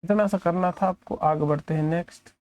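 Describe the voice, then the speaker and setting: An Indian-accented male maths teacher poses questions to his class and answers them himself, dropping lower and softer when voicing the students' replies. His intonation is fairly even and his pace a little fast.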